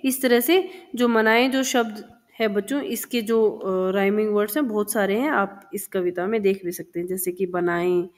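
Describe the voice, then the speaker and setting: A woman's voice: medium pitch, steady tone, normal speed, hardly any pauses. A woman teacher explaining a children's textbook lesson, patiently repeating words and sounds for young pupils.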